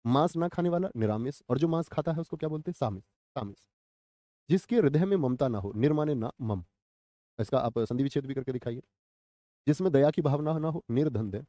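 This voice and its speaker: A man's voice: mid-range voice, expressive, a little fast, dark tone, dry recording, studio quality. A young man teaching exam vocabulary in a live online class, quizzing viewers and repeating each answer.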